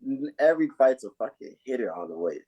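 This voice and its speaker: A man in an easygoing sports chat, middle in pitch for a man. He jokes around in a loose, laid-back way and drops curse words casually. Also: big pitch swings, fast, mellow, slightly rough, lo-fi sound. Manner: laid-back, joking, swears freely. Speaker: podcast co-host.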